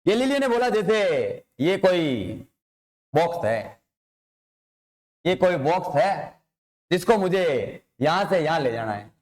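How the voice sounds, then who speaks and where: A man's voice: a little high, sing-song, slow pace, pauses often, a little mellow. A male science teacher giving an informal coaching-class lecture, repeatedly asking questions and answering them himself. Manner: informal, addresses figures with tu.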